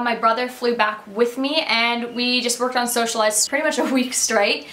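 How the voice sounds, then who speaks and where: A young woman from Canada gives a casual catch-up to camera, sitting on pillows in her beauty room. Her voice sits a little high, and she talks in a bubbly, rambling way. The room gives it a noticeable echo. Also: fairly bright tone. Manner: bubbly, chatty, rambling with fillers. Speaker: beauty vlogger. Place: bedroom beauty room, indoors.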